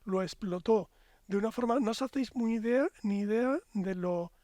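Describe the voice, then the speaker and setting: A man with a Spanish accent, appearing as a guest on a casual podcast, talks in long, reflective, expansive stretches, building lyrical arguments. His high-pitched voice is mellow and at normal speed, recorded with studio quality and no room sound.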